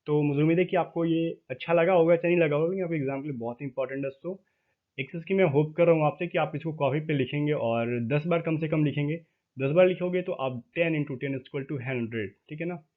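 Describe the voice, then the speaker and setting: A chatty man gives an exam-prep vocabulary lesson, his voice sitting a little high. He spells words out slowly letter by letter and keeps checking that his viewers are following. The sound is thin and tinny, like a phone line. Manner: chatty, addresses viewers as "भाई". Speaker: vocabulary teacher.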